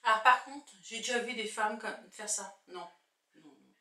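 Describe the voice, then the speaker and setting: A chatty woman talks through her makeup, pausing to check product names and show viewers each step. Her voice is bright and sits a little high. She sounds roomy and distant, as if caught from across the room. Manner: chatty, thinks aloud while showing products. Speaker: makeup vlogger. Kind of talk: casual makeup tutorial chat. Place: indoors at home, husband filming. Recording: echoey room from far off.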